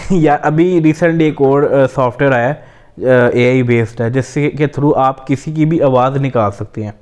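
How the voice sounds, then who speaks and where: A man's voice: mid-range voice, darkish tone. A man from Pakistan hosting a podcast, chatting casually and explaining things, with English phrases mixed into his talk. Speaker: podcast host. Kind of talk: casual chat.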